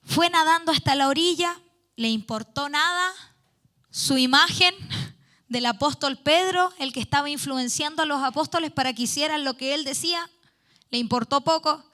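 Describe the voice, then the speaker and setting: A woman's voice: high-pitched, normal speed, bright, forceful tone. A woman preaching a youth sermon in church, reading scripture aloud and explaining it earnestly. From Chile.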